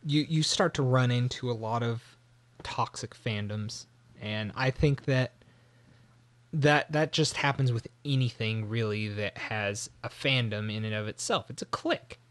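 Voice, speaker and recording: A man hosting a casual podcast chat, animated and rambling, often restarting his sentences. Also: medium pitch, unhurried, no echo. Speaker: host.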